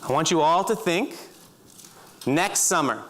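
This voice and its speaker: Guy on stage, high voice that swings all over, dramatic storytelling. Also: animated, unhurried, a little hiss or hum. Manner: vivid second-person storytelling with bursts of loud acted shouting. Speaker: speaker. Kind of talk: storytelling talk. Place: auditorium stage.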